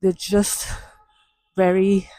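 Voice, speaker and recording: Strolling city streets for a walk-and-talk vlog, a coach with an Indian English accent explains calmly and without rush. Her medium-pitched voice is warm yet completely flat in delivery, with no echo.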